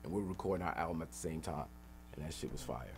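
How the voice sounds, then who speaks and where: Over soft background music, a middle-aged man with a very deep, gravelly, slightly mellow voice speaks at a quick pace. He's a rapper and activist guesting on a radio interview, telling animated stories in an emphatic, streetwise, slangy style.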